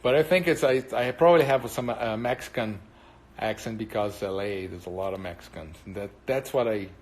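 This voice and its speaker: A Brazilian man with a Brazilian Portuguese accent, Portuguese as his first language, talks a little fast in a lowish voice. He's chatting casually on a live stream, answering viewers, and rambles with lots of hesitant fillers.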